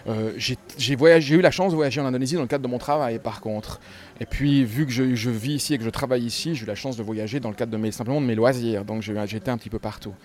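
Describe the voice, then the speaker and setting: A man's voice: mid-range voice, fast talker, darkish tone. A man raised in Switzerland, a foundation founder being interviewed casually, talking emphatically and hammering his points home. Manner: emphatic, piling up repeated points. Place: restaurant.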